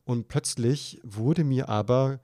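A young podcast host tells a long story in casual chat, taking it slowly. He's an animated storyteller who acts out his own flustered, panicked voice in a high pitch. The studio-quality recording has no echo.

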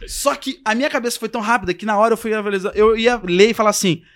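In a relaxed podcast conversation, a young male guest narrates a story quickly in a high voice, lively and animated as he performs the quotes and voices of those he mentions.

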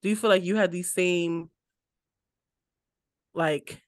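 A woman in her twenties co-hosts a podcast, chatting casually, teasing, cursing, and often bursting into laughter. Her voice is on the low side with a steady tone, and she takes it slowly, with no echo.

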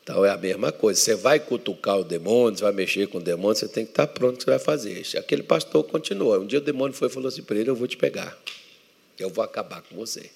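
Gravelly Brazilian preacher in a reverberant hall. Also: male voice, lowish voice, rapid-fire, hardly any pauses. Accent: Brazilian Portuguese. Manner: emphatic preaching with swings from loud to hushed. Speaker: pastor. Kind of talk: sermon. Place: church hall.

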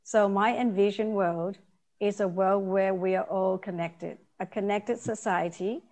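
A woman's voice: medium pitch, a little mellow. A woman in her forties from Vietnam, answering interview questions earnestly and often repeating her key phrases. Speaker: interview guest, nonprofit founder.

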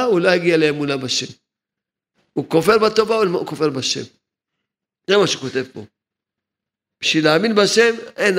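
A man's voice: high voice, fairly bright tone. A man teaching a religious lesson, explaining his points over and over and chuckling at his own remarks. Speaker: rabbi teaching a Torah lesson.

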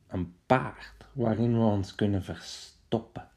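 A man voicing a sly Greek commander, speaking in a low, conspiratorial way. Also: slow. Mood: scheming. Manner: hushed conspiratorial whisper.

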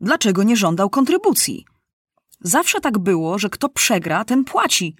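A woman's voice: medium pitch, sing-song, moderate pace, fairly bright tone, husky, no room sound, clean studio sound. A woman voicing a stingy male finance minister, complaining sourly in a storybook reading. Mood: grumbling. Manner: sour, complaining.

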